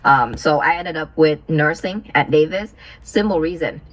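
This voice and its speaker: Give me a young woman with a low voice on a video call, chatting in a friendly way and asking questions. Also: normal speed, dull audio. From Vietnam. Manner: friendly, asks questions, fillers and soft laughs. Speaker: business partner. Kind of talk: casual video-call chat.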